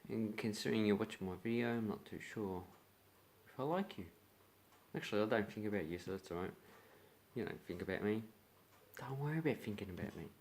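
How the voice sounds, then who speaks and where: A man's voice: fairly low pitch, expressive, a little fast, pauses often, darkish tone. A young man with an Australian accent, explaining slang in a blunt, playful way and acting out example lines. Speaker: slang teacher. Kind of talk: casual video lesson.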